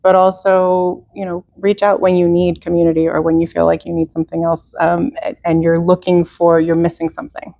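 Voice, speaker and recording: A woman's voice: on the low side, monotone, moderate pace, few pauses, dark tone, no room sound. A middle-aged woman speaking earnestly in a conversational interview, with frequent fillers and restarts. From Czech heritage, raised in America. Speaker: museum representative.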